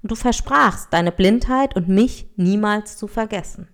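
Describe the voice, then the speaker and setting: A woman voicing Life, a wandering spirit who heals people and tests them, in a calm, measured storybook reading. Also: mid-range voice, lightly acted. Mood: solemn.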